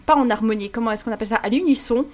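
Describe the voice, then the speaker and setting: A woman's voice: a little high, rapid-fire, darkish tone. Enthusiastic woman, playful podcast chat. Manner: enthusiastic, playful, laughs often. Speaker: music review co-host.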